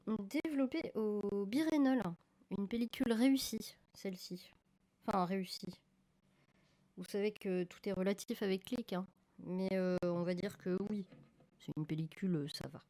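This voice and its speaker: A woman's voice: mid-range voice, moderate pace, dark tone. A woman streaming live, chatting casually with viewers while she works, often correcting herself mid-sentence. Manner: chatty, self-correcting, talks to chat viewers. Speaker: film photography streamer. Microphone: desk microphone. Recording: slightly crackling live-stream audio.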